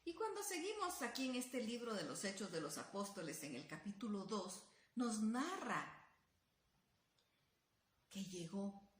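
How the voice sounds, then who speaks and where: A woman's voice: medium pitch, sing-song, measured pace, pauses often. A woman preaching a sermon in Spanish, retelling scripture with dramatic questions and rising emphasis. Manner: storytelling, dramatizes the disciples' questions. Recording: echoey room.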